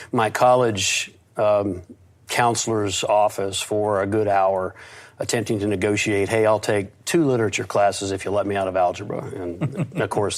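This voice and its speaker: Speaking in a lowish voice, a middle-aged man from the U.S. shares his life story as an interview guest. He comes across as self-assured and thoughtful, with a few stuttered restarts along the way.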